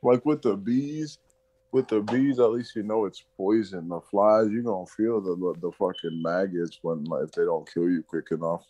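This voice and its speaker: A man's voice: low voice, steady tone, moderate pace, warm tone, slight background noise. A man co-hosting a podcast over a phone call, chatting casually and rambling with lots of "like" and "bro", his voice sometimes going robotic on the line. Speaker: podcast co-host. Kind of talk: casual chat.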